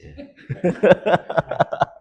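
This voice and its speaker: A man preaching in a mosque, quizzing his listeners and joking, reciting Arabic phrases and then explaining them. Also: very slow. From Solo, Central Java. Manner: lively, jokes and quizzes the congregation. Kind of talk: mosque sermon.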